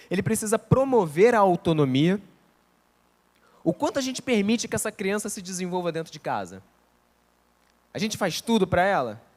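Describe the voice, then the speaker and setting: Male teacher, Carioca accent, conversational lecture, very lively pitch. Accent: Rio de Janeiro Portuguese. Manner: conversational, acts out quoted dialogue. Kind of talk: lecture on parenting.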